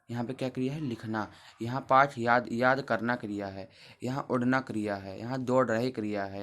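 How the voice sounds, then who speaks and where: Male teacher, mid-pitched, patient, spells words out, talks to kids at the board. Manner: patient, explains step by step, spells words out letter by letter; talks to the class as children. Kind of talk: Hindi grammar lesson at a board.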